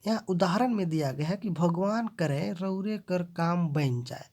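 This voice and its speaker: A teacher giving a recorded grammar lesson, speaking at an ordinary middle pitch. Each example sentence is read out and then unpacked in plainer words. The viewers are often addressed as friends. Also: unhurried, darkish tone. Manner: reads each example sentence aloud, then translates and explains it. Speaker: language teacher. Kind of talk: explaining grammar in a video lesson.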